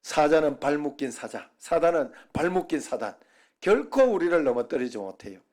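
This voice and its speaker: Man, middle-aged, slightly high voice; folksy, humorous Sunday sermon. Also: very animated, normal speed, a little mellow. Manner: folksy, humorous storytelling with dialect jokes. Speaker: pastor.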